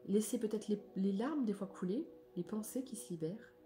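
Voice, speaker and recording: A woman with a warm, mellow voice reads oracle cards aloud and adds her own comments. She speaks softly and reflectively at an average pitch, and her sentences often trail away. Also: fairly quick, faint music behind. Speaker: spiritual card reader.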